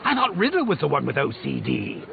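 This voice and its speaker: An actor playing a manic, sadistic clown supervillain in a video game, taunting theatrically in a mocking singsong, with muffled audio under music. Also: male voice, a little high, very animated, brisk, full character voice. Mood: amused mockery. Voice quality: theatrical, creaky cackling voice.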